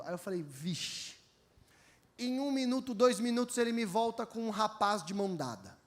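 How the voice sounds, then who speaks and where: A man from Brazil preaching a sermon, telling stories with acted-out voices and having the congregation repeat after him. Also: very high-pitched. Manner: animated, acts out voices in his stories, calls on the congregation to repeat. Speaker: pastor. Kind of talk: energetic sermon with storytelling.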